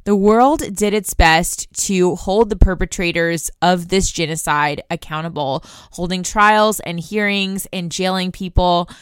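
A woman's voice: fairly low pitch, unhurried, few pauses, clear, resonant tone, no room sound, clean studio sound. A young woman from the United States hosting a news podcast, explaining a story in a conversational way and talking straight to her listeners. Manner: conversational, addresses listeners directly.

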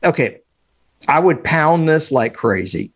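Male podcast co-host, casual, opinionated, excitable delivery over a remote call. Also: fairly high pitch, measured pace, breathy edge. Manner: animated, opinionated, talks in bursts with fillers. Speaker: podcast co-host, football analyst. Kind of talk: casual sports podcast chat.

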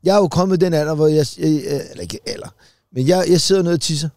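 A man's voice: fairly high pitch, mellow, no room sound, studio quality. A man chatting casually as a podcast co-host, blunt and swearing freely. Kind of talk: casual chat.

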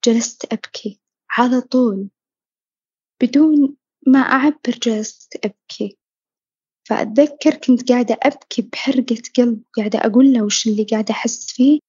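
A woman earnestly telling her own story, reflective and at times dropping to a soft near-whisper. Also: a little high, fairly quick, slightly rough, no room sound, lo-fi sound. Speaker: podcast guest sharing her story. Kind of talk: personal storytelling.

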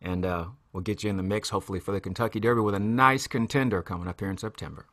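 A man's voice: fairly low pitch, racing, a bit bright, dry recording. A man hosting a podcast, thanking his guest with effusive praise. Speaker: podcast host.

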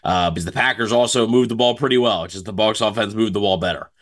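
A male co-host talks through a game casually in a fairly low voice. His delivery is loose and halting, like unscripted conversation. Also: a bit bright. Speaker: sports podcast co-host. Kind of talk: casual post-game analysis chat.

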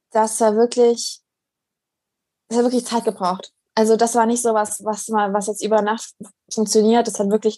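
A young woman speaking as a podcast guest, talking earnestly and reflectively, with frequent pauses and restarts. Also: medium pitch, a little mellow, no room sound. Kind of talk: casual interview conversation.

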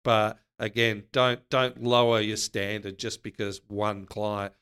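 Smooth low-voiced man. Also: level tone, takes it slowly, a bit bright. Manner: earnest, advice-giving. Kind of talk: casual podcast chat.

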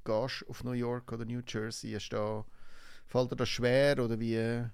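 A man's voice: medium pitch, little pitch movement, normal speed, clear, resonant tone, no room sound, clean studio sound. A man with a Swiss German accent, asking questions as the interviewer in a casual conversation.

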